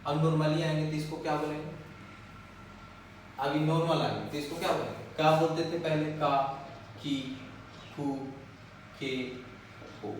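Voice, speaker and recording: A man with a slightly high voice gives a patient board lesson, drilling syllables over and over and asking whether everyone is following. He stands away from the mic in a very echoey room, with a faint hiss underneath. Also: recorded from a distance. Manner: repetitive, drilling syllables, checking with listeners. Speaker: Japanese teacher. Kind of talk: whiteboard lesson explaining step by step.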